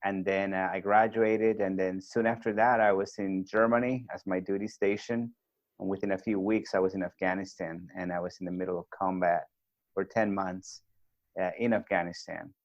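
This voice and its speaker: A man's voice: deep voice, level tone, moderate pace, no echo, dull audio. A friendly, talkative man in his forties with a Peruvian Spanish accent, a guest telling his story in an interview. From Peru. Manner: friendly and talkative, many fillers. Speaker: guest, army veteran.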